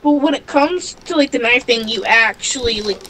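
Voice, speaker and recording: A woman's voice: on the high side, pushed and bright, slight background noise, poor audio. A woman chatting casually with her boyfriend while they play a video game together, talking through what she is doing. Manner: drawn-out, playful, talks through her play. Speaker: streamer's girlfriend, co-player. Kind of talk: casual chat during gameplay.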